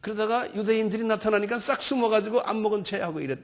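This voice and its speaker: A man's voice: high-pitched, fast. Man giving a chatty bible lecture. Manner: colloquial and conversational, keeps checking in with listeners.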